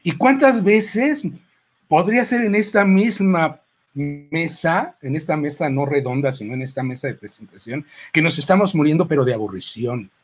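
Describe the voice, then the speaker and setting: A man with a slightly high, slightly rough voice and a Mexican accent, a clown, speaks at normal speed into a handheld mic. Seated at an event's presentation table, he gives a rambling, chatty book-launch speech packed with asides and quoted lines.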